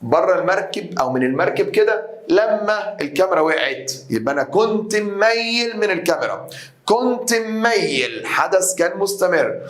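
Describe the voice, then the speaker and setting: A man with an Egyptian Arabic accent teaching an English grammar revision lesson, reading example sentences slowly and questioning his students. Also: on the high side, roomy sound. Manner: explains step by step, switching between Arabic and English example sentences read slowly; addresses students directly with quick questions.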